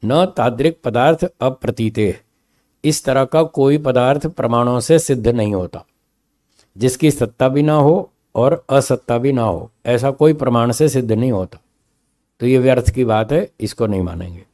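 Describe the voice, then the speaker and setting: Man, philosophy teacher, classroom lecture, mellow warm voice, stresses words, checks listeners follow. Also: medium pitch. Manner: explains by slow spoken examples, asks listeners to confirm; stresses single words to show meaning.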